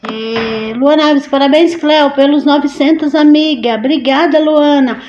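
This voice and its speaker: A woman with a high, bright voice chats through a live stream and greets viewers by name. She laughs often and sounds affectionate. The sound is roomy, with a noticeable echo. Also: unhurried, highs cut off, a little hiss or hum. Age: adult mother. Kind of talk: casual live stream chat reading out viewer comments.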